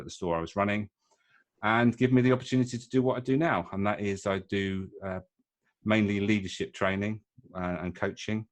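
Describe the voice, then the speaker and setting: A middle-aged man with a very low voice talks casually as an interview guest. He speaks haltingly, with frequent ums and restarts. He is from the UK and is sharing his experience as a leadership coach. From United Kingdom. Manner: hesitant, many fillers and restarts.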